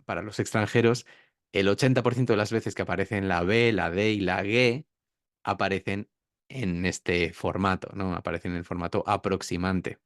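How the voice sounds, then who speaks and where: A man's voice: lowish voice, smooth, no echo, studio quality. Man explaining pronunciation. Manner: demonstrates sounds by drawing out words. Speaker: pronunciation teacher, interview guest. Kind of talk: explanatory interview talk.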